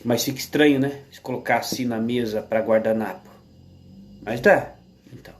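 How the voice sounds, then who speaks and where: A man with a Brazilian Portuguese accent, vlogging to camera in a casual monologue, rambling with many restarts and tag questions at an unhurried pace. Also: mid-range voice, steady tone, slight background noise.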